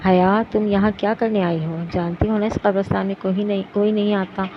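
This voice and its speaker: A woman reading the lines of a touchy, quick-tempered teenage girl in an audiobook, sounding indignant and snappy. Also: medium pitch, little pitch movement, natural voice. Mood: nervous. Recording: dull lo-fi recording with background noise.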